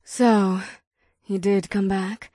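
A man's voice: sits high, level tone, takes it slowly, mellow, dry recording, clean studio sound, voice pushed up. A man putting on a teasing succubus woman.

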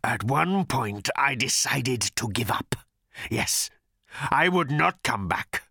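A man reading an audiobook voices a bitter, vengeful male creature, speaking slowly with a hissing, brooding menace. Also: mid-range voice, lively intonation, creaky, pushed and bright, breathy edge, no echo, pitched above the performer's own voice, heavily acted. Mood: brooding, sardonic. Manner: slow, hissing, drawn-out menace.

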